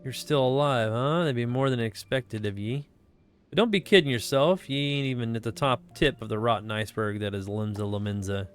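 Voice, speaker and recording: A man voicing a gruff male pirate tavern keeper, reading his lines in a salty pirate drawl full of "ye". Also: medium pitch, fairly quick, close to an everyday voice. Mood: taunting.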